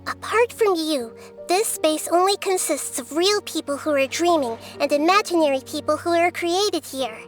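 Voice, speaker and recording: An actress voicing a small, childlike goddess of wisdom in a video game, gentle, precise and composed. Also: female voice, very high voice, lively intonation, normal speed, soft background music. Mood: calm, knowing. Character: small childlike female deity of wisdom, calm, perceptive.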